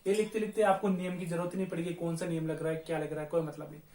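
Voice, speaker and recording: A man from India teaching a Spanish lesson, who patiently repeats words slowly to drill pronunciation. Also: a little high, a little mellow. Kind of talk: online language lesson. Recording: echoey room, faint noise.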